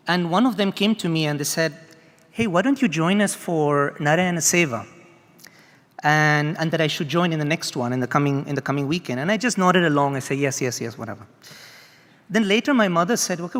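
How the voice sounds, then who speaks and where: A man's voice: on the high side, a bit bright. Man from Peru in a reverberant hall. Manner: earnest, halting with many restarts. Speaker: speaker at a festival. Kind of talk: personal testimony speech. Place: large hall.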